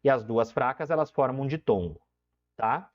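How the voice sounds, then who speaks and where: A man's voice: mid-range voice, expressive. A man teaching an online lesson, explaining step by step, stretching out key terms and often checking in with his students. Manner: drawn-out emphasis on key terms. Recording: dull lo-fi recording.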